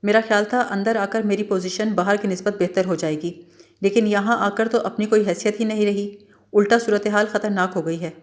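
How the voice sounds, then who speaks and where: A woman's voice: mid-range voice, steady tone, natural voice. A woman voicing a talkative, witty young man from a village, joking and mock-dramatic in a story read aloud. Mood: teasing.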